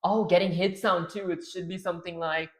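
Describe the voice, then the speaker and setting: A man's voice: high-pitched, brisk, poor audio. A man on a live stream chatting casually to himself as he works, his throat strained and feeling lightheaded. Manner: mutters to himself while working, relaxed. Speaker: livestreaming game developer.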